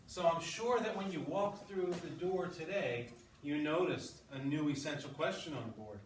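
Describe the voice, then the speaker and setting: A man with a voice on the high side teaches as an English teacher, speaking at normal speed, explaining material and often checking in with short questions during teaching and read-aloud. The mic is distant, picking up an echoey classroom with background noise, off mic.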